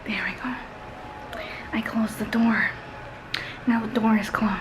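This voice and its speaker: Woman doing a prim young woman character, hushed half-whisper, scolding, petulant, a bit high. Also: flat delivery, takes it slowly, heavy background noise. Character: whiny self-righteous young woman character. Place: small bathroom indoors.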